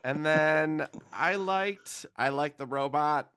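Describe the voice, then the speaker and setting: A somewhat high-voiced man speaking very slowly on a podcast. His remarks are short and laid back, and the sound is dry and close. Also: fairly bright tone, smooth, dry recording. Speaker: podcast co-host. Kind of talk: casual podcast chat.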